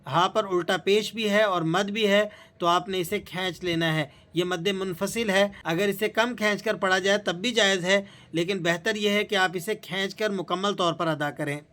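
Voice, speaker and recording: A man teaching Quran recitation rules, reciting verses slowly and drawn out, then explaining in calm plain speech. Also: high voice. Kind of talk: Tajweed lesson with slow recitation.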